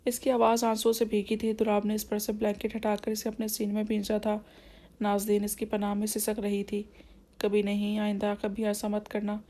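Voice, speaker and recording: A woman narrating a romantic novel in a steady, even reading. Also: mid-range voice. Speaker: audiobook narrator.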